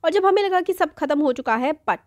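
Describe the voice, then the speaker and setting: High-voiced woman teaching. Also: expressive, a little fast. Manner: explains in Hindi mixed with English terms, rephrases with "matlab". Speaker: teacher, channel host. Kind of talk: casual explanatory lesson.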